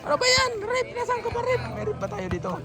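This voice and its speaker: Very high-pitched woman calling a basketball game. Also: huge pitch swings, fast talker, a loud crowd. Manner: exclaims and calls out plays, teasing the players. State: out of breath. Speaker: vlogger commenting on a local basketball game. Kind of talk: excited play-by-play commentary.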